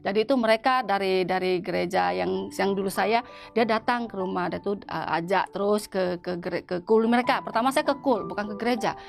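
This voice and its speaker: A woman giving a church testimony in an interview, talking in a halting way with many restarts. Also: medium pitch, gravelly, soft background music. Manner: halting, with frequent restarts and repeated words.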